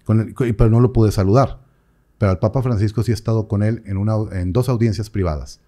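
Animated priest, mellow voice. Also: male voice, fairly low pitch, fast talker. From Mexico. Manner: animated storyteller, acts out quoted voices. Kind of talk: casual interview chat.

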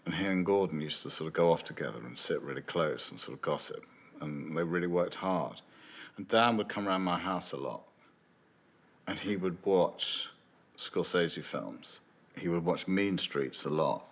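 An older man speaks in a very deep, low register, sitting for a documentary interview in a dim, lamp-lit room. He muses aloud as a screenwriter, circling back, restarting phrases and leaning on "you know" as he thinks. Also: normal speed. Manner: thoughtful, musing, with frequent restarts and "you know". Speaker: screenwriter interviewed about his film. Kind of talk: reflective interview answers. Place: dim indoor room with lamps behind. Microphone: medium shot, seated, unseen mic.

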